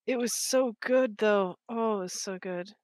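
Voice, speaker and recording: A chatty young woman in casual conversation during a gaming session, talking at an ordinary pitch. Her voice sounds dry and close, with no room around it. She rambles easily and lets her sentences fall off softly. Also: unhurried, no room sound. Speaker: co-host of a gaming channel. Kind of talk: casual chat while playing a game.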